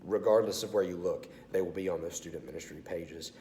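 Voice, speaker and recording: Here a youth pastor, assistant pastor of student ministry, talks through a lively, informal video message despite a congested, sore throat. His voice is low and warm and moves fairly quickly. A little hiss or hum sits in the echoey, reverberant recording.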